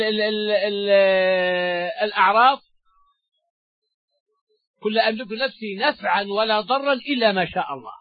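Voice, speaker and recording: A man's voice: high voice, dry recording. An older man giving a sermon-style Quran commentary, telling stories in everyday speech between recited verses, with stammering restarts. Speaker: Islamic scholar giving a Quran commentary lesson. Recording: dull lo-fi dry recording.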